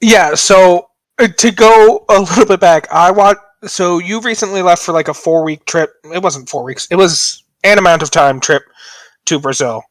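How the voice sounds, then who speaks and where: A man's voice: high voice, normal speed, no room sound. Rambling young man hosting a podcast. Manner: joking, rambling, self-deprecating. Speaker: podcast host. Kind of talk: casual podcast banter.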